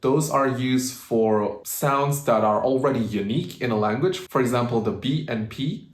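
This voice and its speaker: Patient man teaching pronunciation, roomy sound. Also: mid-range voice. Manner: patient, slows down to demonstrate words. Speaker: language teacher. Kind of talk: explanatory video lesson. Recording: roomy, echoey room.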